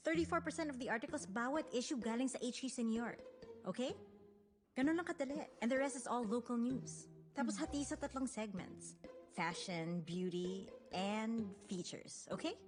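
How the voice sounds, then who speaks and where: Actress as a no-nonsense magazine boss, brisk explainer, slightly high voice, faint score. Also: female voice, over music, close to an everyday voice. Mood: explaining. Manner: brisk, explanatory, mixing English in. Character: brisk middle-aged woman magazine boss, businesslike.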